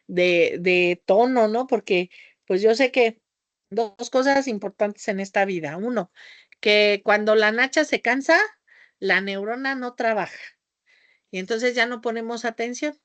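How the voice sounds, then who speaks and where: A woman lectures her homeopathy class in a high-pitched voice she likens to a squeaky, off-key whistle. She speaks loudly, theatrically and a little slowly, shifting tone often and jumping between topics on tangents, with no room sound.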